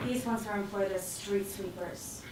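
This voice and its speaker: A woman's voice: medium pitch, fairly even intonation, normal speed, close to an everyday voice. A woman playing an earnest, compassionate young visitor. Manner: earnest, emotional. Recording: echoey room from far off with noise.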